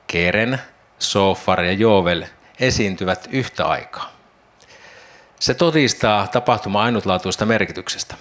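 A man with a fairly low voice delivers a devotional Bible teaching. He talks reflectively, painting the scene for his listeners and asking them questions as he goes. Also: a bit bright. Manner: reflective, imagining scenes aloud with rising questions. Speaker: preacher.

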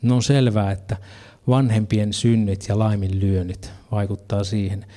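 A man's voice: fairly low pitch, level tone, dark tone. A man preaching a sermon, earnest, reading scripture passages and adding casual asides.

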